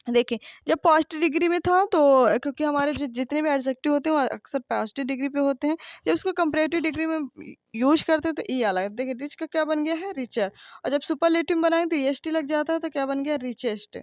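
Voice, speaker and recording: High-voiced woman teaching grammar. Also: fast, no echo. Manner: explains patiently with rhetorical questions and frequent checks for understanding. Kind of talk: classroom grammar lesson.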